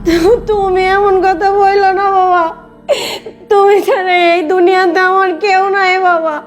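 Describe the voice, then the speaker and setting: A woman's voice: very high-pitched, fairly quick, fairly bright tone. A woman in a short drama playing a suffering young wife, crying and pleading. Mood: tearful. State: tearful. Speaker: mistreated wife. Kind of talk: short-film acting.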